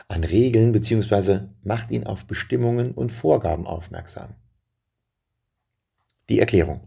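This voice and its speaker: A man narrating a children's storybook in a calm, measured way and explaining a saying. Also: on the low side, vocal fry, husky.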